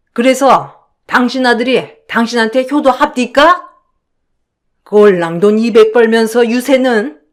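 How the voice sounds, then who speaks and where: A woman voicing an older mother who shouts in defense of her daughter and then speaks with regret. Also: a little high, pitched above the performer's own voice, close to an everyday voice. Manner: furious and blunt, later tearful and remorseful.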